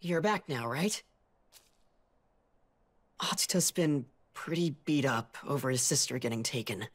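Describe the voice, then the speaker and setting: An actor playing an earnest, easygoing teenage boy in a video game, eager and casual with a husky voice. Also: mid-range voice, lively intonation, unhurried. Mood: encouraging. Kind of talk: scripted video game acting.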